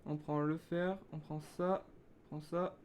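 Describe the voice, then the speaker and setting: A young man giving casual gameplay commentary, chatty and calm with excitable bursts. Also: fairly high pitch, a little slow, noisy background. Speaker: gaming video creator.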